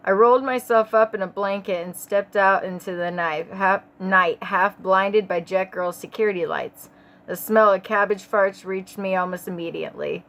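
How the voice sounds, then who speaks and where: A woman's voice: medium pitch, normal speed, a bit bright. Stumbling, sick woman reading a story aloud. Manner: rambling asides, stumbling over words, swearing. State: sick and stoned. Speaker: audiobook reader. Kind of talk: casual amateur audiobook narration.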